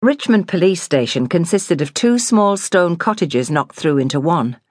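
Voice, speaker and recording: A woman narrating a memoir in a measured, plain storytelling manner. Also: on the low side, lively intonation, darkish tone, no echo, clean studio sound.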